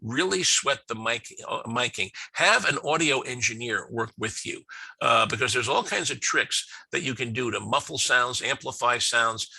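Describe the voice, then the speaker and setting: Middle-aged man, webinar lecture, chatty with fillers, forceful bright voice, dry close mic. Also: mid-range voice, moderate pace, creaky, slightly rough, no room sound, poor audio. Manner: chatty, frequent fillers and restarts. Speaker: business speaker.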